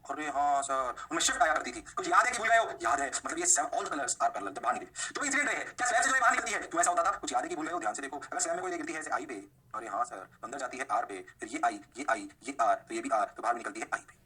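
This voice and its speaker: Male physics teacher, high and very bright voice, quick classroom delivery, mic at a distance. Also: very animated. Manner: mixes Hindi and English, answers his own questions in a lowered voice. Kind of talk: lively classroom lecture.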